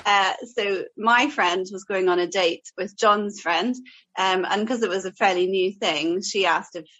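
A woman's voice: medium pitch, a little slow, fairly bright tone, highs cut off. A woman with a Northern Irish accent telling her own story casually and a little hesitantly as a guest. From Portadown, Northern Ireland. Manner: hesitant, chatty. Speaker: podcast guest.

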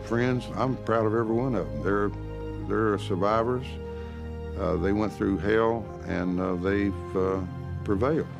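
An elderly male veteran with a very deep voice looks back in a documentary interview. He speaks haltingly as he remembers, with music clearly playing behind him. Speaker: war veteran.

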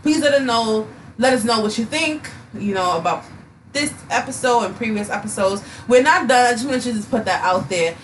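A woman's voice: on the high side, expressive, normal speed, recorded from a distance, slight background noise. A tired, sleepy woman co-hosting a podcast, chatting loosely with lots of fillers and some playful teasing. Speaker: podcast co-host. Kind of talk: casual chat.

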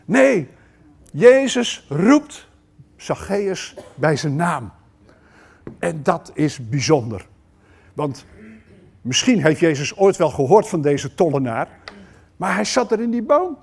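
A male preacher delivering a sermon at a church service. His voice sits high and he takes his time, drawing out his words. He speaks straight to the congregation with questions, and his volume keeps swinging between loud and hushed. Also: big pitch swings, slow pace, creaky, long pauses, breathy edge. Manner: talks directly to the congregation with questions.

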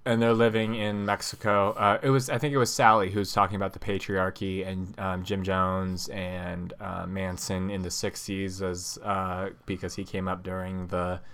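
A man's voice: deep voice, flat delivery, moderate pace, few pauses, a bit bright, clean tone. A man co-hosting a podcast, laid-back and casual, giving short replies with some hesitation. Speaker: podcast co-host. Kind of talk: casual chat about a TV show.

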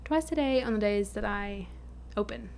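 A woman's voice: medium pitch, moderate pace, vocal fry, darkish tone, a little hiss or hum. A young adult woman co-hosting a podcast, chatting casually and playing up her own drama. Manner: chatty, self-mockingly dramatic. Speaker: podcast co-host. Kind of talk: casual chat.

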